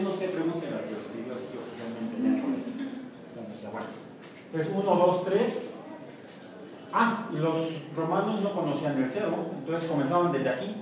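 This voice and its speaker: A Mexican man with a medium-pitched voice gives a university math lecture, joking around and asking his students questions. The recording is distant and echoey, with a noisy background.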